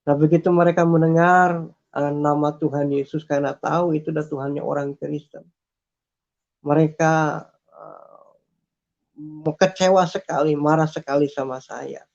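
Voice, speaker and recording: A man telling his personal faith testimony in an earnest way, repeating phrases and pausing with fillers. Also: on the high side, little pitch movement, gravelly. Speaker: testimony speaker. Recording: dull lo-fi recording.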